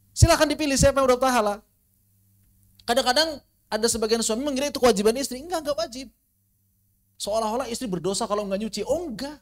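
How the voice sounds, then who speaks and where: A man teaching an informal religious lesson online, asking rhetorical questions and swinging between quiet asides and animated emphasis. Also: extremely high pitch. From Indonesia. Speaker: Islamic studies teacher. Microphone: online class recording.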